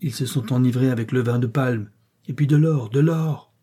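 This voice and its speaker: A man reading an audiobook, voicing a hulking, furious male ape-man in a gruff, emphatic, raised voice. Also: mid-range voice, normal speed, warm tone, natural voice. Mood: agitated.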